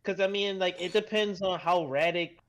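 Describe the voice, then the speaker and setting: A man's voice: high voice, normal speed, a bit bright. A man co-hosting a podcast in casual, slangy conversation about anime. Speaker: podcast co-host.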